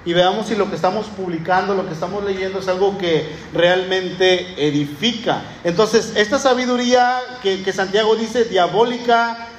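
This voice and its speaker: High-pitched guy giving a sermon, emphatic, faint background hum. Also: reverberant. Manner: emphatic preaching, asks listeners for assent. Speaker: pastor.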